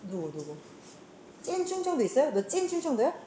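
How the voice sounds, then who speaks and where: A woman teaching a high school class, explaining an English reading passage and now and then scolding students for dozing off. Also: very animated, brisk, dark tone, a little hiss or hum. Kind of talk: classroom lecture.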